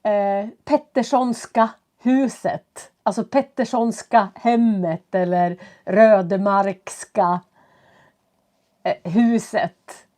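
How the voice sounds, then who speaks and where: A woman with a stuffy nose and a cough, teaching from home and talking slowly and clearly for learners as she greets viewers on a live stream. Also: mid-range voice, steady tone, dark tone. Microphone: computer setup.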